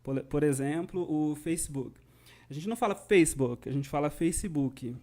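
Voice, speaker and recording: A man's voice: on the high side, fairly quick, dark tone. Brazilian man teaching live. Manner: explanatory, often checks in with the audience. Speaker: English teacher. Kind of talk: live-streamed lesson, answering viewer questions.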